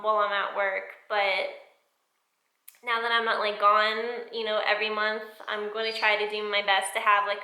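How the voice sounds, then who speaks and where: Young woman rambling to camera, bright voice, lots of ums and likes, big echo off bare walls and hardwood floors. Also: on the high side. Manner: rambling, with many fillers like "um" and "like". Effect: big echoey room sound. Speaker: sewing vlogger. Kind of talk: casual chat to camera. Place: bare room with high ceilings and hardwood floors, no carpets, in her new house. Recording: echoey, roomy home recording.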